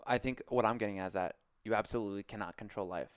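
A man co-hosting a podcast, chatting casually and telling stories with lively shifts of voice. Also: very fast, smooth, no echo, studio quality. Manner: animated storyteller, jumps into high voices for quotes. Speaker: podcast co-host; coach.

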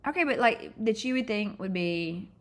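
A woman's voice: medium pitch, normal speed. Playful woman with a Southern accent. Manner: playful, animated, teasing questions. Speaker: podcast host interviewer. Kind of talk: casual podcast interview.

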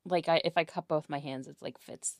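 A woman's voice: low voice, steady tone, fairly quick, dry recording, studio quality. Shy, stammering woman player. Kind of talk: tabletop game role-play.

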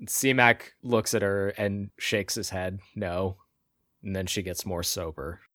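A man narrates a tabletop game as its game master, playful and quick to laugh between his lines. His voice is bright and forceful, and it sits in a dry, close recording with little room sound. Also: low-pitched, steady tone, no room sound.

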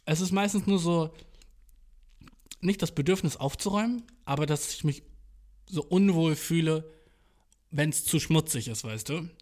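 A man's voice: a little high, a little slow, long pauses, darkish tone. A young man chatting casually as a podcast host, rambling in slangy, profane talk and acting out his inner voice. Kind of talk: casual chat.

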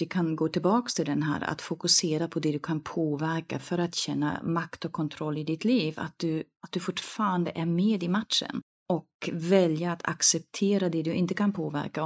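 A woman from East Germany, a guest expert in a podcast conversation, who talks with animation and acts out inner voices as she explains. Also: fairly low pitch.

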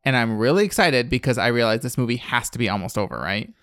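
A man's voice: mid-range voice, sing-song, quick pace, a bit bright, clean tone, no echo, studio quality. A man in his thirties hosting a podcast, recapping a film in casual chat, blunt and sarcastic, with plenty of fillers. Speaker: podcast host.

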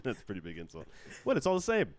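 A man's voice: medium pitch, huge pitch swings, very fast, crowd noise. A man hosting a casual podcast chat, joking, rambling and laughing often. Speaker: podcast host.

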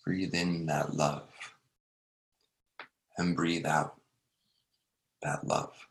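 A man leading a guided meditation, speaking gently in short phrases with long unhurried pauses. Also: extremely low pitch, level tone.

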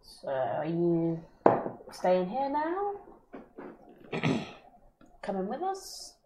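A woman playing a dry, quiet thief. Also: lowish voice, huge pitch swings, drawn-out words, pitched below the performer's own voice, heavily acted. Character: female thief, wry and blunt. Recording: echoey room, background hiss.

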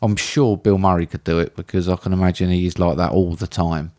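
A man's voice: low voice, fairly even intonation, fairly quick, a little mellow. Blunt swearing man. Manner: blunt, enthusiastic, swears casually. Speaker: podcast co-host. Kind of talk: casual film podcast chat.

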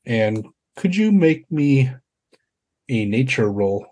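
A man runs a tabletop horror game with a slow delivery. He improvises his descriptions haltingly, feeling for the next word, at an average pitch for a man. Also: sing-song, warm tone. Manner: halting, searching for words. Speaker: game master.

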